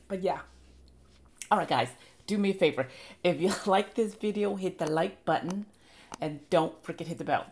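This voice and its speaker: A woman hosting a reaction video, gushing with enthusiastic praise while her voice keeps giving out and she clears her throat. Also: lowish voice, fairly quick, darkish tone. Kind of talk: casual reaction commentary.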